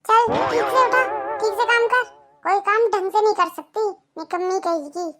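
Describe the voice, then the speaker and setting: A bossy old mother-in-law snaps and scolds in a cartoon, as a woman puts her on. The voice sits very high and sharp. Her tone is contemptuous and domineering throughout. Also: steady tone, normal speed, faint music behind. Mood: scolding. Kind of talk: Hindi cartoon voice acting.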